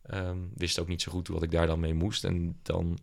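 Man, young adult, entrepreneur guest, very low voice, gravelly, hesitant. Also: completely flat delivery, moderate pace. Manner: hesitant, many fillers and restarts. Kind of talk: casual interview talk.

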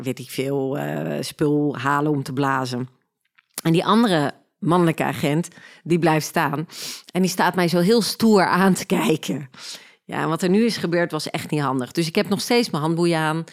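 A woman with a Flemish accent, hosting a podcast and telling a personal story in an animated, sarcastic way. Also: low-pitched, measured pace. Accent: Flemish Belgian. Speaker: podcast host. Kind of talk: casual storytelling.

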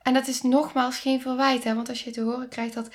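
A woman in her thirties hosting a podcast, speaking earnestly and intimately, often dropping into soft near-whispers and rising to emphatic pleas. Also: high-pitched, level tone, brisk. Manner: rises to emphatic, pleading tones. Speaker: podcast host. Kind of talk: reflective podcast monologue.

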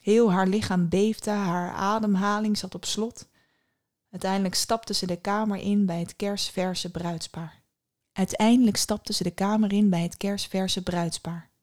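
Woman storyteller, measured fairy-tale reading, calm and even. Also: medium pitch.

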